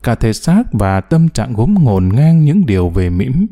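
A man narrating a novel as an audiobook, with expressive storytelling. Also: medium pitch, unhurried.

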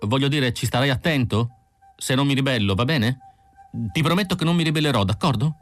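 A man's voice: medium pitch, fairly quick, soft background music, voice pushed up, close to an everyday voice. A man reading an audiobook, voicing a young female android who sounds tense and pleading, in a raised voice. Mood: agitated. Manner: anxious, breathless pleading.

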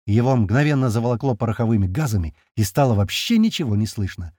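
A man narrating an action audiobook in the first person with tense, lively storytelling. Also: mid-range voice, fast, no room sound, clean studio sound.

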